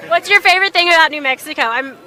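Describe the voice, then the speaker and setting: A woman's voice: very high voice, rapid-fire, sharp tone, some chatter behind. A young woman from Atlanta, Georgia, hosting upbeat street interviews outdoors and laughing often. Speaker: host.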